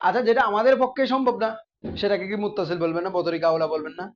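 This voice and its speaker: A man's voice: high-pitched, animated, racing, dull audio, faint music behind. A man teaching a class, often asking his students questions and repeating the key terms. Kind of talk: classroom grammar lesson.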